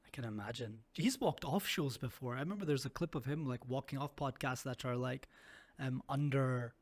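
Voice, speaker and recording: A Scottish man hosting a podcast interview, friendly and quick to laugh as he asks loose questions. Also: medium pitch, dry recording. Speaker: podcast host. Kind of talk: casual interview chat.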